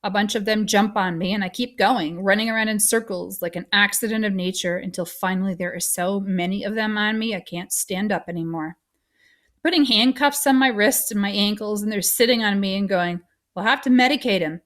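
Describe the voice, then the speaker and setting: A woman's voice: mid-range voice, a little fast. A woman reading a novel aloud, narrating expressively in the first person. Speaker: audiobook reader.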